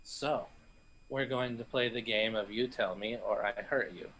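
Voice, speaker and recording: Man playing a toying, threatening woman interrogator, slow, bright tone. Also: lowish voice, slight background noise, poor audio. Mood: menacing. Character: menacing female interrogator.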